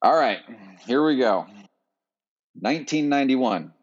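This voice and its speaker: A man's voice: mid-range voice, expressive, measured pace. A man co-hosting a casual movie podcast, chatty and teasing, often laughing. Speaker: podcast co-host. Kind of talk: casual movie-list chat. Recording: dull lo-fi recording.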